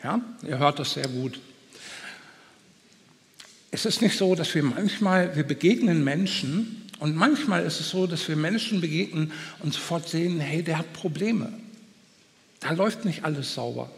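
Guy preaching a sermon, kinda high voice, speech a bit slurred like his jaw is wired, big echoey hall. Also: animated, moderate pace, gravelly. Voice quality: impeded, slightly slurred articulation from a brace in the mouth after jaw surgery. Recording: long hall reverb.

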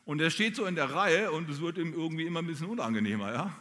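A man preaching a sermon, talking straight to his listeners in an animated way. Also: a little high, fast talker, in a large hall. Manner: animated, addresses listeners directly. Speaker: pastor.

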